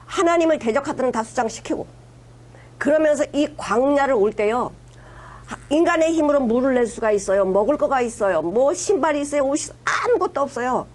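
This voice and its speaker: A woman pastor delivers a sermon in a high, somewhat husky voice. She talks to the congregation in a conversational, emphatic way and slips into acted-out quotes as she retells the story. Her delivery moves between teaching and dramatized speech. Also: lively intonation, brisk.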